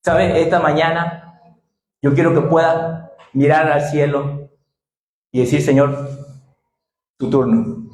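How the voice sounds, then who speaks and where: High-voiced preaching man, echoey church. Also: level tone, slow, long pauses. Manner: emphatic call-and-response preaching; often shouts for emphasis. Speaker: pastor. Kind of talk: sermon. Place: church sanctuary.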